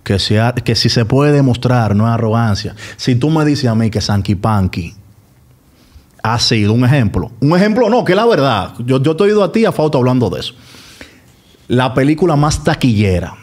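A man's voice: mid-range voice, very animated, moderate pace, a little mellow. A man with a Dominican accent, a sports commentator talking casually as a podcast guest. He stresses his points by repeating words.

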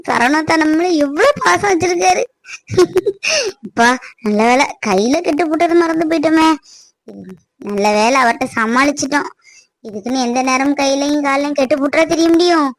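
A woman voicing a cheerful village man just back from fishing in a cartoon, chatting in a relaxed, self-amused way. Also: high voice, dry recording. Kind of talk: cartoon voice acting.

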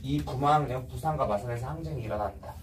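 A man's voice: mid-range voice, quick pace, recorded from a distance, a little hiss or hum, low-quality recording. A man teaching a casual history lecture, blunt and slangy, stopping often to quiz his students.

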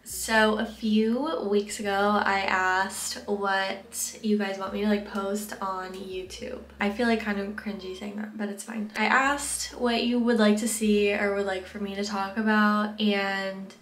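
A woman's voice: medium pitch, little pitch movement, unhurried, few pauses, a bit bright, slight background noise. Young woman, casual makeup chat, filler-heavy, slightly breathless, echoey room. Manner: chatty, filler-heavy, frank. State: a bit out of breath. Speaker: vlogger.

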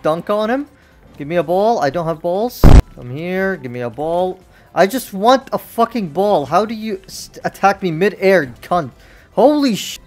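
A young man streaming a fighting game, cursing and yelling at his misses in casual commentary. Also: fairly high pitch. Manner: excitable, swears a lot, yells at misses. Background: faint game music.

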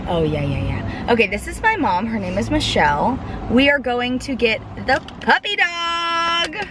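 Sitting behind the wheel of a parked car, a 21-year-old vlogger talks breezily to her dashboard camera, cheerful and full of filler words. She speaks at a normal speed in a fairly high, sing-song voice over some background noise.

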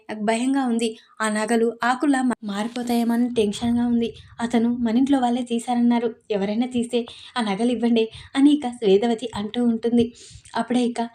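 Warm-voiced woman retelling a serial. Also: on the high side. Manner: steady storytelling with many fillers, quoting each character's lines. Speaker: serial recap narrator.

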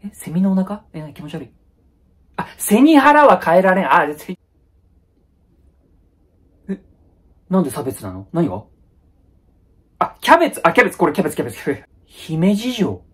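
Husky man with wildly swinging pitch. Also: big pitch swings. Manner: quick blunt retorts, rough casual speech. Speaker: comedy YouTuber. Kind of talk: comedic solo skit.

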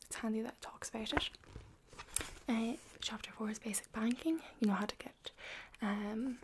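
A young adult woman in a whispered role-play as a chatty librarian, talking in a soft library whisper. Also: a little high. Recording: clear background noise.

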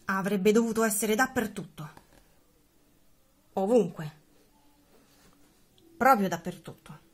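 A woman reading a children's picture book aloud in an expressive, animated way. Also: medium pitch, slow pace. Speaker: reader.

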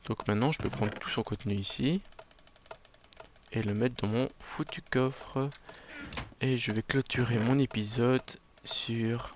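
A man's voice: medium pitch, measured pace, slight background noise. A man giving casual, self-mocking commentary on his own game, muttering to himself as he plays. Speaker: let's play gamer.

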